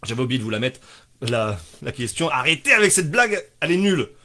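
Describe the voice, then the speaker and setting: A man's voice: medium pitch, very animated, fast talker, pushed and bright. Joking, rambling live-stream host, a man. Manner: joking, rambling, casual swearing. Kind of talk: casual live-stream hosting.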